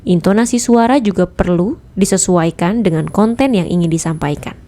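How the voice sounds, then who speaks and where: A woman narrating a nonfiction audiobook in an even, measured reading voice. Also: lowish voice. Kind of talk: scripted narration.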